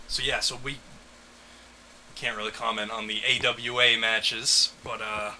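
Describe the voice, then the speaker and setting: Bright-voiced man co-hosting a podcast. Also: mid-range voice, flat delivery, takes it slowly, vocal fry, pauses often, slight background noise, poor audio. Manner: laughs often, reads lists aloud. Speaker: podcast co-host. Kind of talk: casual chat.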